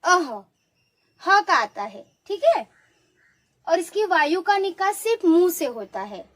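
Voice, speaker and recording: A woman's voice: very high voice, big pitch swings, measured pace, a bit bright. A woman teaching young children, coaxing them to repeat sounds after her and praising each answer. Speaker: primary school teacher. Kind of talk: online lesson for young children.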